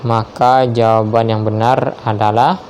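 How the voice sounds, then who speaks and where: Guy slowly reading out quiz options and answers, mid voice, bit of faint hiss behind. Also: mid-range voice, flat delivery, darkish tone. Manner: measured, spells out each option, confirms answers with "ya". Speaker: teacher reading quiz questions. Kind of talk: slow quiz read-aloud with answers.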